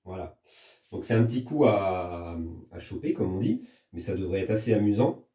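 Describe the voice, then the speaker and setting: A man's voice: low-pitched, lively intonation, normal speed, warm tone. A French man teaching a percussion lesson, explaining patiently step by step and counting hand patterns aloud. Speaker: music teacher. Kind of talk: recorded percussion lesson for pupils. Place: room at home with a practice pad. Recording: echoey room, voice from a distance.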